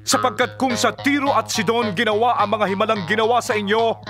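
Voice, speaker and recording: An actor playing Jesus in a dramatized scripture reading, a solemn, fervent preacher speaking with deliberate, declamatory authority. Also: male voice, high-pitched, fairly even intonation, music in the background, natural voice. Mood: stern, lamenting.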